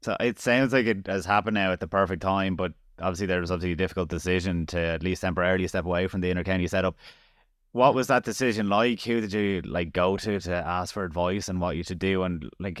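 Irish guy doing a sports interview, talks quick, lowish clear voice, casual questions. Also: steady tone, no room sound, clean studio sound.

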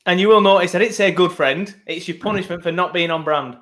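Speaking briskly in a high, somewhat bright voice, a British podcast host chats casually, wandering from point to point with a matey ease.

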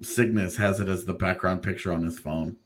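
A man's voice: deep voice, steady tone, a little fast, slight background noise. A man co-hosting a sports podcast in casual, joking banter.

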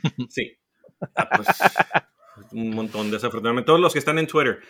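A man giving his opinion as a podcast co-host, relaxed and trailing off with fillers. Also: mid-range voice, fairly quick, crowd noise. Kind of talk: casual chat.

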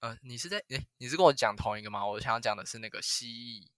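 Casting: male podcast host, Taiwanese accent, sharp bright voice, conversational, very dry sound. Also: medium pitch, quick pace, no echo. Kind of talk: casual chat.

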